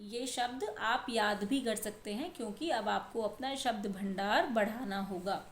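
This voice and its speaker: A woman's voice: medium pitch, unhurried, roomy sound, a little hiss or hum. A woman teaching a primary school language lesson to children, patient and careful, going through words one at a time. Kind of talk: slow explained lesson for children.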